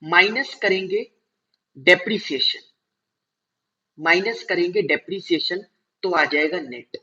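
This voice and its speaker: A male teacher giving a classroom lecture, explaining step by step, slowing down to spell out terms and checking whether students follow. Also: high voice, sharp tone. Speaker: commerce teacher. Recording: dull lo-fi recording.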